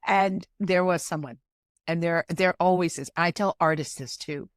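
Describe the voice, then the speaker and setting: Older woman, interview guest, lowish voice, emphatic and animated, acts out dialogue, dry close sound. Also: moderate pace, no room sound. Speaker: interview guest, arts executive. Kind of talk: conversational interview.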